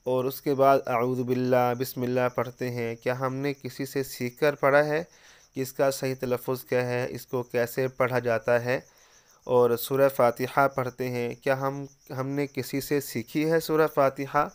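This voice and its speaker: A man's voice: mid-range voice, little pitch movement, clean tone. A man giving an earnest religious lesson on prayer, asking his listeners question after question. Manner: earnest, repeats rhetorical questions. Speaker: religious teacher.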